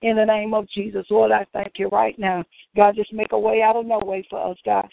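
A man's voice: high voice, little pitch movement, a little fast, vocal fry, slight background noise. A man leading a fervent spoken prayer, saying "Lord God" between each phrase. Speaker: prayer leader. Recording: tinny phone line, dry.

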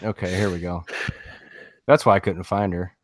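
A man's voice: deep voice, fairly even intonation, moderate pace, no echo, studio quality. Laid-back male podcast co-host. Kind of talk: casual chat.

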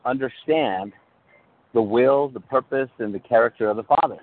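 A man's voice: mid-range voice, normal speed. Man preaching over a tinny call line. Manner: preaching, checks in with listeners, restarts phrases. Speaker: pastor.

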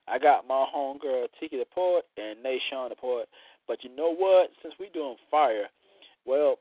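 A man's voice: mid-range voice, expressive, moderate pace, no echo. A man hosting a live poetry show casually, with a playful, boastful, colloquial way of talking. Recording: tinny, narrow-band radio-like line.

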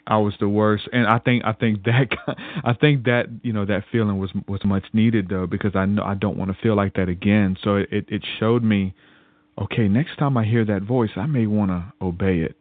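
A man's voice: on the low side, fairly even intonation, moderate pace, no room sound. A man, a podcast guest, telling a personal faith story in a rambling way, often repeating words and restarting sentences. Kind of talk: casual spoken testimony. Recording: tinny phone-like line.

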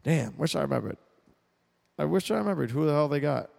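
A man's voice: on the high side, animated, brisk, gravelly, a little mellow, big-room sound. A man hosting a sports talk show, giving a blunt, opinionated monologue full of restarts and repeated words.

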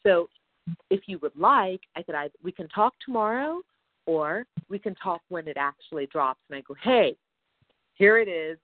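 A woman's voice: lowish voice, lively intonation, moderate pace, no echo. A woman on a phone call, talking anxiously in long, rambling stretches. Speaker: caller seeking advice. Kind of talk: phone conversation. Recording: tinny phone line, dry.

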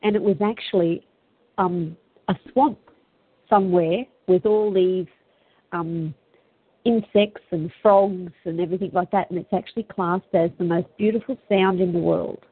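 A woman's voice: on the low side, steady tone, moderate pace, husky, no echo. Earthy Australian woman on a tinny phone line. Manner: earnest, reflective. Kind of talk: casual heartfelt chat.

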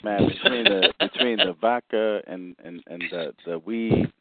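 A man casually hosting a call-in, halting and repeating his words. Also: on the low side, huge pitch swings, gravelly. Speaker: host of a call-in show. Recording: noisy muffled phone line.

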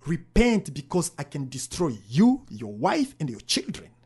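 A man's voice: on the high side, huge pitch swings, measured pace, darkish tone, husky, heavily acted. A man quoting God as a solemn, commanding voice while recounting a vision. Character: God speaking, commanding and stern, male.

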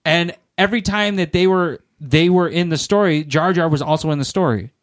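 A man's voice: on the high side, a little fast. A man co-hosting a podcast, blunt and dismissive in a casual debate chat, swearing freely. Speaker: podcast co-host.

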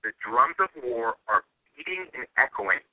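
A man's voice: medium pitch, big pitch swings, moderate pace, dry recording. A man giving intense, conspiratorial political commentary as a guest, emphatic and repeating phrases for stress. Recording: narrow tinny telephone line.

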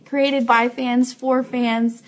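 A woman with a higher voice talks slowly and with little pitch movement. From an office, she hosts a fan livestream, chatting loosely with viewers, sharing announcements and offering thanks.

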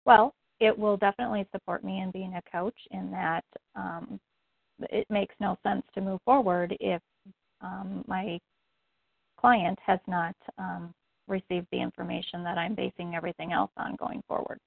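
A woman speaking hesitantly on a coaching call, pausing often with fillers. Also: medium pitch, vocal fry, no room sound. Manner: hesitant, many ums. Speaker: coaching student. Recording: tinny phone line.

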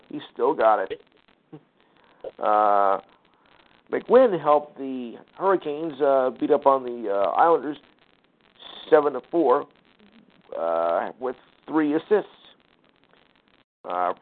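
A man hosting a sports talk show, reading out scores and standings with casual asides and lots of fillers. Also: mid-range voice. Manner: rattles off numbers with fillers, sighs and quick asides. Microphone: phone call line. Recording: tinny phone-line audio.

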